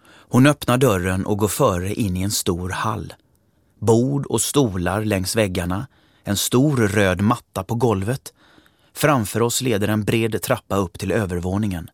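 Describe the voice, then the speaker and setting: A man narrating a first-person story, calm and reflective. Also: fairly low pitch, no room sound, studio quality.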